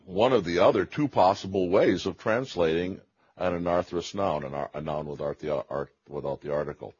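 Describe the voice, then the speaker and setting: A man's voice: low-pitched, breathy edge, lo-fi sound. A man giving a theology lecture, explaining carefully, correcting himself and stressing key phrases.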